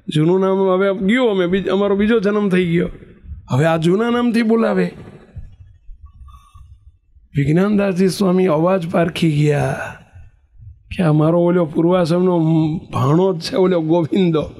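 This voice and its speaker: A man telling a story in a sermon, acting out the characters' calls. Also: sits high. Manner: animated storyteller, acts out shouting characters. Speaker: preacher.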